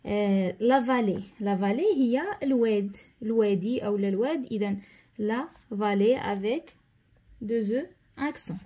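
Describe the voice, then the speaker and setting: A woman with a Moroccan accent teaching a lesson, explaining step by step, repeating key terms and reading instructions slowly and deliberately. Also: medium pitch, dark tone. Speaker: schoolteacher. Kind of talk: tutorial lesson.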